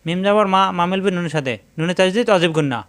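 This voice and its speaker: A man teaching Quran recitation rules step by step. He explains each rule over and over and then chants the words in long, drawn-out tones. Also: high-pitched, smooth. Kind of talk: tajweed lesson, explaining and demonstrating recitation.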